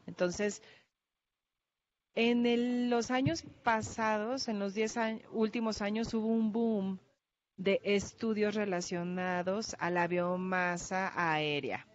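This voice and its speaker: A woman with a Portuguese accent gives a conference talk as a researcher presenting at a workshop, filmed by a distant camera in a large auditorium-style hall. Her mid-range voice holds a steady tone, and her slow, careful diction is hesitant, with restarts and fillers. The hall recording sounds dull and lo-fi.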